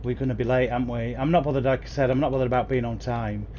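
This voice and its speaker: Streaming a bus game on his console at home, a man talks enthusiastically into a new gaming headset, greeting viewers by name in casual commentary. His mid-range voice is steady and darkish, and he speaks very fast over a slight hiss or hum.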